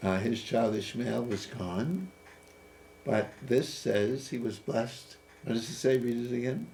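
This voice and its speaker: A man's voice: mid-range voice, a little slow, gravelly, a little mellow. Playful musing man in his fifties. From United States. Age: 50s. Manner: playful, musing, laughs easily. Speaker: host. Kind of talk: casual chat about scripture. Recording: faint background noise.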